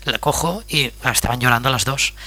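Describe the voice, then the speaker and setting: A middle-aged man delivers a public lecture, sharing personal anecdotes conversationally and frequently checking in with "¿vale?" His mid-range voice sounds pushed and bright, moving a little fast.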